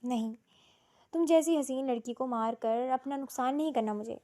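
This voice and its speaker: A woman narrator voicing a domineering young man who speaks softly, mocks and threatens. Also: sits high, natural voice. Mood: menacing. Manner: calm, mocking, then roaring.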